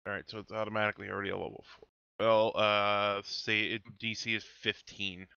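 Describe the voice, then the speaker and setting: A man's voice: fairly low pitch, flat delivery, a little fast, creaky, sharp tone, clean tone, no echo. A man chatting casually as a tabletop game player, heard through a lo-fi microphone.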